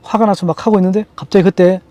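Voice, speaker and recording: A man giving an emotional personal testimony in an interview, earnest and halting, often restarting his sentences. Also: high voice, steady tone, mellow, no echo. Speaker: franchise store owner.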